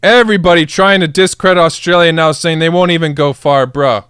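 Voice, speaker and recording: A young man streams his reaction to a live football match, hyped up, chanting, cheering and calling his chat "guys." His voice sits on the high side with fairly even intonation and a brisk pace. The tone is fairly bright and smooth, captured in a dry, studio-quality recording.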